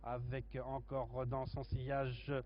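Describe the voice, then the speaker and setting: A man giving live horse racing commentary, haltingly listing the runners in order. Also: mid-range voice, level tone. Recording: muffled, noisy racecourse commentary feed.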